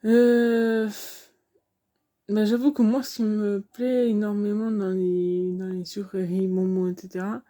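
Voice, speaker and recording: A woman's voice: mid-range voice, level tone, measured pace, warm tone. A young woman giving casual commentary on a video game, hesitant and thinking aloud with many fillers.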